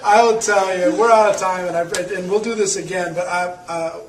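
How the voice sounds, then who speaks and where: High-voiced upbeat male host. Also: fairly even intonation, fairly quick, very noisy. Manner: upbeat, emphatic sign-off. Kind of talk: interview host wrap-up. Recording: roomy, distant mic.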